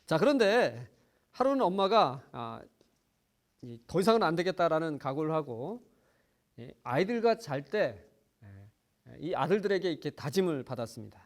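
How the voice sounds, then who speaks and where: A man's voice: fairly high pitch, sing-song, moderate pace. A man preaching a sermon, telling a personal story earnestly, with frequent small fillers and phrases that swell for emphasis.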